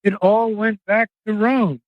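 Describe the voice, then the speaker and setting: Older male reporter guest, high-pitched, earnest and emphatic in an interview, dry dull podcast sound. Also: fairly even intonation, dry recording. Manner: earnest, emphatic, drawn-out phrasing. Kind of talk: impassioned interview monologue.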